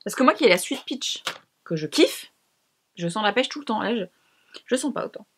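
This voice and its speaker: A woman's voice: on the high side, expressive, normal speed, a bit bright, slight background noise. A young woman chatting casually to camera as she tests makeup, slangy and self-mocking. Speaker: beauty vlogger. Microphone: camera mic.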